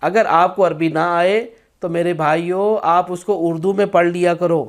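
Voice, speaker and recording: Guy teaching, kinda high voice, firm, repeats himself a lot. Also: steady tone. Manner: slow chanted recitation, then firm explanatory speech. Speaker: spiritual practice teacher. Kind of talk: instructional talk with Quranic recitation.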